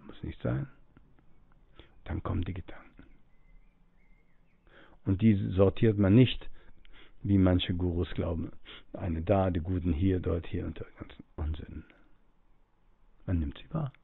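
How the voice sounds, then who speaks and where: Male spiritual teacher, musing, animated delivery, dry phone-quality sound. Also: sits low, gravelly, husky, no echo. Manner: musing, acts out quoted voices, breathes audibly. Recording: tinny phone-like audio, dry.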